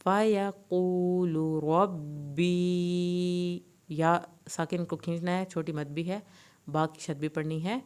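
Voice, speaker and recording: A woman teaching Quran recitation, slowly drawing out verses and then briskly explaining pronunciation rules. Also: low-pitched, fairly even intonation, dark tone. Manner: slow drawn-out recitation alternating with brisk explanations.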